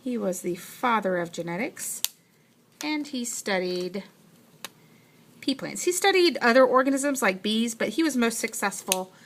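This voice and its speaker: A woman's voice: fairly high pitch, lively intonation, a little slow, a bit bright, a little hiss or hum. A woman teacher giving a patient, explanatory science lesson, talking through what she writes as she goes. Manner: patient, explanatory, thinks aloud while writing. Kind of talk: classroom lecture.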